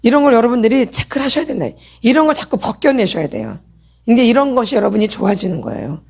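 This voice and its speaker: A woman's voice: fairly high pitch, big pitch swings, fast, creaky, breathy edge. A middle-aged woman leading a church healing meeting who keeps asking the audience questions and answering them herself. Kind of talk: sermon lecture with call-and-response questions.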